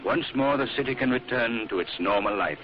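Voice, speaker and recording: An actor playing a commanding, calm and ominous crime-fighting vigilante in a theatrical, solemn 1940s radio style. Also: male voice, medium pitch, brisk, lightly acted. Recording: muffled, noisy old radio recording.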